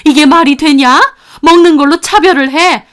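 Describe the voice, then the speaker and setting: A woman voicing an angry grandmother who shouts and scolds her grown son in a dramatized story. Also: high voice, steady tone, unhurried, pitched above the performer's own voice. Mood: furious scolding.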